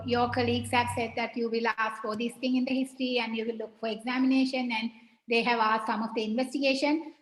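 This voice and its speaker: A woman's voice: a little high, roomy sound, a little hiss or hum, poor audio. A woman teaching medicine in a class, questioning students and prompting them one by one. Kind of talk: online clinical teaching session.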